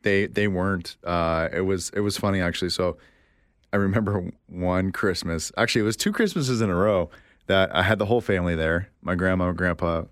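Young male co-host, deep voice, dry close sound, animated storyteller. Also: fairly quick, no room sound. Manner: animated storyteller, mimics relatives in a high voice. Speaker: podcast co-host. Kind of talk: casual chat.

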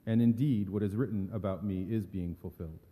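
A man playing a solemn, gentle Jesus in a dramatic scripture reading, measured, earnest and subdued. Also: on the low side, natural voice. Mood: earnest, instructing. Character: Jesus, solemn, gentle teacher facing betrayal and death. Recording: echoey hall with long reverb.

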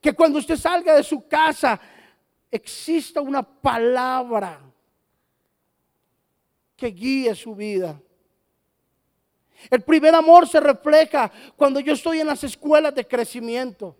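A man's voice: extremely high pitch, slow pace, long pauses, in a large hall. A man preaching a sermon as pastor, emphatic and often putting rhetorical questions to the congregation.

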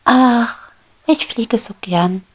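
A woman voicing a shy, eager little female bee in a whispered storybook role-play, speaking softly. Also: medium pitch, moderate pace, slightly rough, no room sound, pitched above the performer's own voice, close to an everyday voice. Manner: soft-spoken, delighted exclamations.

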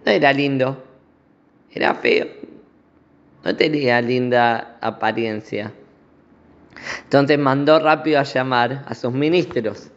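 Slow, earnest Rioplatense rabbi preaching. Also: male voice, medium pitch. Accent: Rioplatense Spanish. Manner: earnest, emphatic preaching with Hebrew terms. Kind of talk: sermon with a parable. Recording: roomy, slightly dull recording.

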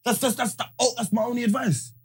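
A man's voice: extremely high pitch, steady tone, fast, slightly rough. A man with a London roadman accent and slangy delivery, bantering casually as a podcast co-host and acting out quotes as he tells stories. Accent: London, urban street slang.

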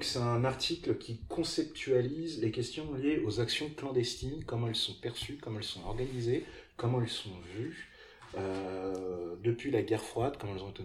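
A man's voice: fairly low pitch, darkish tone. A man co-hosting a podcast, chatting casually about what he recommends, with frequent hesitations and wry asides. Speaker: podcast co-host. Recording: echoey room with faint noise.

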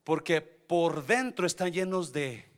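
A man, preaching a sermon as pastor, swinging from quiet asides to shouted climaxes and dropping in English phrases. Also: fairly high pitch, lively intonation, takes it slowly.

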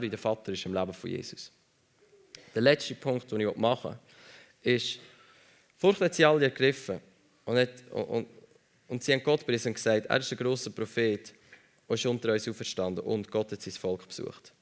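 A man preaching a sermon emphatically, repeating phrases for stress. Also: lowish voice.

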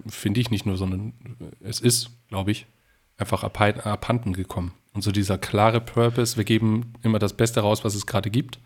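A man's voice: lowish voice, little pitch movement, moderate pace. A man co-hosting a podcast who tells anecdotes, asks questions and works through his list of points. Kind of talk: casual conversation.

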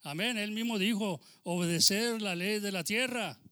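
A man's voice: sits high, normal speed, bright, forceful tone. A Mexican American man preaching a fervent Spanish sermon, peppered with amens, English phrases and a joking story. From United States. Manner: switches into English phrases, frequent amen and hermano. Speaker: pastor.

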